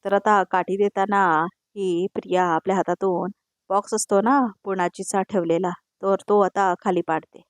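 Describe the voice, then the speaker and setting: A woman's voice: mid-range voice, little pitch movement, moderate pace, no room sound. A woman narrating a TV episode recap in a conversational, opinionated way, repeating the same connecting words. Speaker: serial review narrator.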